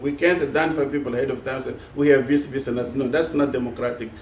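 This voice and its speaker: An older man from the Congo, speaking as a panelist in a hesitant way, with many fillers and laughing asides. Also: medium pitch. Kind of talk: panel discussion, telling anecdotes. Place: conference hall panel. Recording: roomy hall, distant mic, faint noise.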